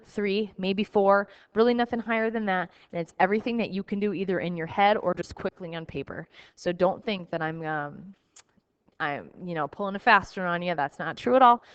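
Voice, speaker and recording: A woman's voice: medium pitch, brisk, clear, resonant tone, muffled recording. A woman teacher explaining math problems to her class, talking through each step aloud in a recorded lesson.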